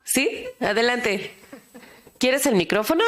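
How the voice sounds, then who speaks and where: A woman moderating a conference session, slowly inviting questions from the audience. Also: fairly high pitch, lively intonation.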